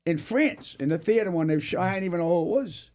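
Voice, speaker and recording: A middle-aged man with a strong Brooklyn accent and a high-pitched voice. He talks casually and jokingly, like a guest swapping stories, and often doubles back on his phrases. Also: fast. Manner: animated, joking, repeats himself. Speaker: guest, actor and magician. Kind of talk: casual chat.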